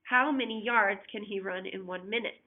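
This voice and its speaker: A woman's voice: medium pitch, normal speed. A woman math teacher patiently walking students through unit conversions step by step, with a recurring cough. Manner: patient, talks through each step, asks students to check along. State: coughing repeatedly. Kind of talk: recorded flipped-classroom math lesson. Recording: tinny, phone-like audio.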